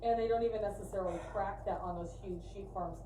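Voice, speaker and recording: Speaking quickly in a steady mid-range voice, this co-host of a fiber arts livestream talks informally to her viewers as she explains things. Faint noise and a roomy echo come through the distant mic.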